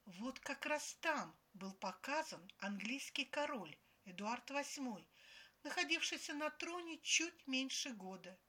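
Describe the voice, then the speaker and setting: A woman's voice: high voice, lively intonation, a little slow, pushed and bright. A woman expressively reading a first-person story aloud. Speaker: story reader.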